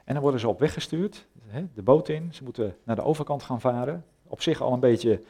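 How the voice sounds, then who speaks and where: A man preaching a sermon, retelling a Bible story in a casual, conversational way, pausing often with filler sounds. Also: medium pitch, mellow. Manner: conversational, hesitant with many fillers.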